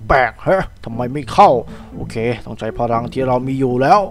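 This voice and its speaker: A man's voice: medium pitch, lively intonation, a little fast, natural voice. A man voicing a cocky adult male superhero who boasts and grunts with strain, over game music. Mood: confident.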